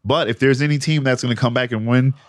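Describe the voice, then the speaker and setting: A man's voice: medium pitch, fairly even intonation, fast, no echo, clean studio sound. A man co-hosting a podcast in casual, profane, laid-back banter. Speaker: podcast co-host. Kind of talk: casual chat.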